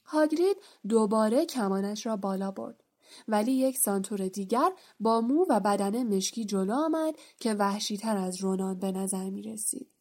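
A woman narrating a children's fantasy novel as an audiobook reader, with steady, expressive storytelling. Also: medium pitch.

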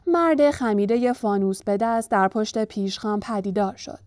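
A woman narrating a storybook in a calm, even reading voice. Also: medium pitch, no room sound, studio quality. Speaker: audiobook narrator.

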